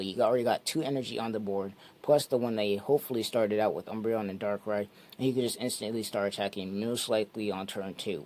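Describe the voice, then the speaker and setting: A man hosting his own channel, casually walking through a card deck step by step in a relaxed, repetitive way. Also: fairly low pitch. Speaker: card game channel host.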